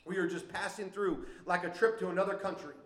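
A man with a Minnesotan accent preaching a sermon as pastor in a church, conversational and animated, with frequent asides. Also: high-pitched, quick pace, reverberant, low-quality recording. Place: church sanctuary.

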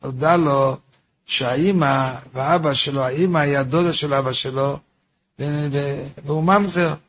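A man's voice: fairly high pitch, steady tone, a bit bright, a little hiss or hum. A man, a rabbi giving a weekly Torah lesson, tells a story in a repetitive way, asks himself rhetorical questions and turns to his listeners with informal asides.

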